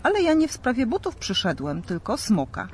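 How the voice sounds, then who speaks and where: A man's voice: very high-pitched, huge pitch swings, fairly quick, a little hiss or hum, voice pushed up, exaggerated voice. A man voicing a poor, eager young shoemaker, bold and earnest, in a storybook reading.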